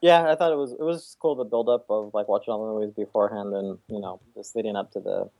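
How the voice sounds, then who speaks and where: A man's voice: lowish voice, steady tone, quick pace, creaky, a little mellow, dry recording. A man guesting on a casual podcast chat, answering hesitantly with restarts and fillers. His voice sits dry and close, with no room around it. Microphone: computer mic over voice chat.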